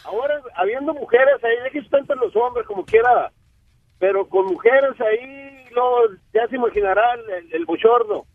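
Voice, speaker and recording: A man calling in, telling a story in halting speech with restarts. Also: very high voice. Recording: tinny phone line.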